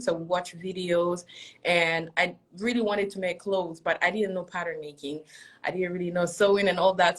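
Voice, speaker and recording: Brief: young woman from Congo, native French speaker, fairly low voice, chatty guest with easy laughs, on a video call. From Democratic Republic of Congo. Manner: chatty, laughs often, many fillers like "like". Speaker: fashion designer guest. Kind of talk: casual interview over a live stream.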